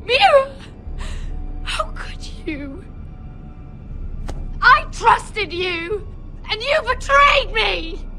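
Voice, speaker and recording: Emotional young handmaiden, game drama; very high, animated, drawn-out delivery. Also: female voice, faint music behind, heavily acted. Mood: hurt, outraged. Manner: pleading, highly emotional. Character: desperate, emotional young handmaiden accused of betrayal. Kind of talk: dramatic video game acting.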